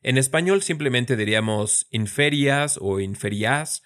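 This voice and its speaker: A man teaching in a clear, explanatory way, slowing down to sound out words syllable by syllable, with a light humorous aside now and then. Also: mid-range voice, expressive, fairly bright tone. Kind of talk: scripted educational explanation.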